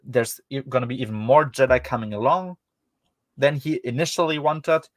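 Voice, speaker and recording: A man's voice: medium pitch, normal speed, no room sound. A man with a German accent, hosting a casual book-discussion podcast and talking in a rambling, wry way with many fillers. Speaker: podcast host.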